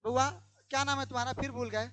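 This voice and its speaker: A woman with a high voice teaches grammar to a room of pupils. She fires questions at them and repeats each one until they answer. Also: fairly even intonation, quick pace, a bit bright. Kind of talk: classroom grammar lesson. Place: classroom.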